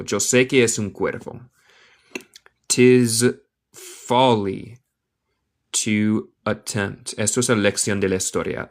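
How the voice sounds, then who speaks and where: An American man from Michigan teaching English, reading a fable word by word and repeating phrases slowly. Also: fairly low pitch. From United States. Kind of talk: slow live English reading lesson.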